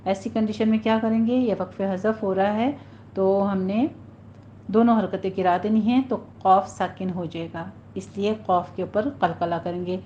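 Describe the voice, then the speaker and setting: A woman teaching Quran recitation rules, with a Pakistani Urdu accent, speaking patiently and drawing out example words slowly to demonstrate. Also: medium pitch, steady tone, warm tone. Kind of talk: tajweed lesson, explaining and demonstrating recitation. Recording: dull lo-fi recording with faint hiss.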